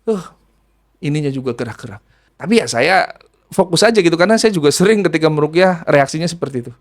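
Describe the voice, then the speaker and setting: A man's voice: fairly high pitch, expressive, fast. A man telling a ruqyah healing story in casual storytelling, acting out the voices of the people in it.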